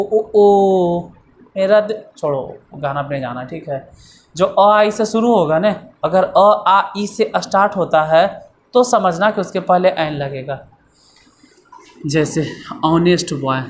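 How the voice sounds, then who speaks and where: A man's voice: on the high side, fairly bright tone, a little hiss or hum. A man teaching English grammar in a classroom lesson, repeating points and asking and answering his own questions.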